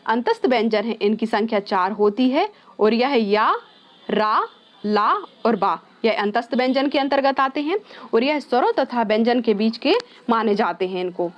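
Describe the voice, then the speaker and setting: A woman teaching an exam-prep lesson in a fairly high voice. She puts a question to the class and then answers it herself, dropping English words into her explanation. The recording sounds somewhat dull and lo-fi. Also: moderate pace.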